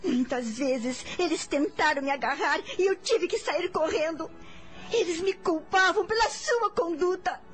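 Defiant young daughter, woman actor, very high tearful voice, indignant. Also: measured pace, faint music behind. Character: young adult daughter, shocked and defiant, demanding the truth. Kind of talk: radio drama acting.

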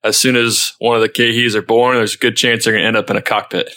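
Lowish-voiced casual male podcast host. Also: flat delivery, fast talker, bright, forceful tone. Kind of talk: casual interview chat.

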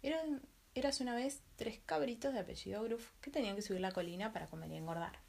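Gravelly-voiced woman telling a bedtime story. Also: a little high, quick pace, a little mellow.

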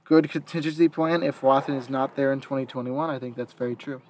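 A man's voice: mid-range voice, steady tone, fairly quick, darkish tone, a little hiss or hum. A young man hosting a casual sports talk, reading out quotes and then giving his opinion with some hesitation. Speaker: podcast host.

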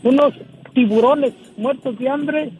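A Mexican man in his forties with a thin voice like an old man's, chatting casually as a guest in a halting, repetitive way. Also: extremely high pitch, over music, poor audio. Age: 40s. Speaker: interview guest on a live show. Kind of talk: casual conversation.

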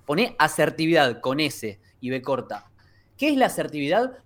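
An Argentine man with a Rioplatense accent co-hosts a relaxed podcast chat. His voice sits a touch high for a man, and he lays out his points patiently, one step at a time, like a teacher. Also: moderate pace. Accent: Argentine Rioplatense Spanish. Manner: didactic, explains step by step. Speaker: podcast co-host.

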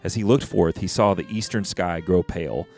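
Deep-voiced man co-hosting a podcast. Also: moderate pace, soft background music. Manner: relaxed, rambling, with restarts. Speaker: podcast co-host. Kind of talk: casual podcast chat and book reading.

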